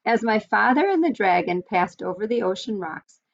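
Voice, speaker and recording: A woman teacher reads a chapter book aloud to her students and explains the pictures in a friendly, conversational way. Her voice has a gravelly fry at the ends of phrases. The recording is dull and lo-fi. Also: medium pitch, animated, normal speed. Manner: friendly, explaining, some fillers.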